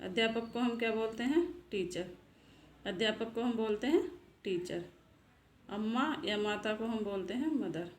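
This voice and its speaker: A woman hosting a casual vocabulary lesson, asking a question and answering it herself, repeating each word twice. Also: mid-range voice. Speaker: channel host and English teacher. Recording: echoey room with faint noise.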